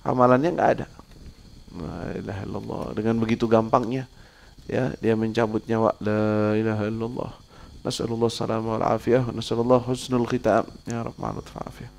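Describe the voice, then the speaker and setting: A man's voice: on the low side, flat delivery, normal speed, creaky, darkish tone. A man teaching a religious study lesson, correcting and explaining a reader's translation in a casual way.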